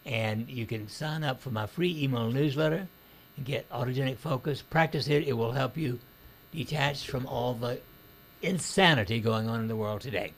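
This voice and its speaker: A man's voice: mid-range voice, normal speed, slight background noise. A man hosting a call-in talk radio show, blunt and outspoken in his opinions.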